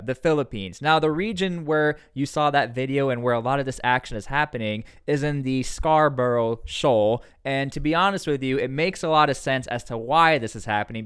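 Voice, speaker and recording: Smooth dry-voiced male commentator. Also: medium pitch, a bit bright, dry recording. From United States. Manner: sarcastic, talks straight to viewers. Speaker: commentary channel host. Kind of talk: casual news commentary.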